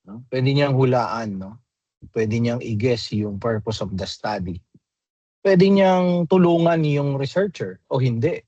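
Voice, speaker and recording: A man lectures slowly to a graduate class, his voice a little husky. He explains step by step and keeps checking in with his students through tag questions. The sound is dry and dull, like lo-fi video-call audio. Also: medium pitch, animated, warm tone, no room sound. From Philippines. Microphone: computer mic in a video call.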